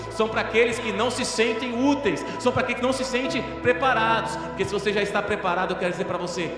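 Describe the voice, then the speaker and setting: A young male pastor from Brazil, preaching a sermon with rising intensity and dramatic pauses, recorded in a small church hall. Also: high voice. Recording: echoey church hall with music behind.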